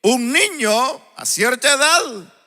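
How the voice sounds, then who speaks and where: A male preacher gives a live sermon after an opening prayer in a church sanctuary. He tells stories slowly and often checks in with the congregation. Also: very high-pitched, expressive, pushed and bright. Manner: unhurried storytelling, often asks the congregation "¿verdad?". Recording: long church-hall reverb.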